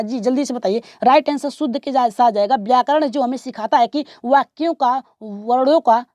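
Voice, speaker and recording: Woman, high voice, dry close sound; patient exam-prep teacher who repeats the answers. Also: a little mellow, no room sound. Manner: explains step by step, repeats answers, asks viewers to reply.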